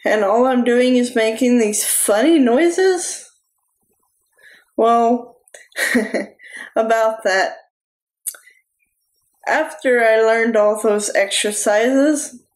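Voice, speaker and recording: Young woman preaching to camera, slow and halting, pitch a bit high, echoey little room. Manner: slow, halting delivery with restarts. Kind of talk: personal testimony sermon to camera. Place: small room indoors.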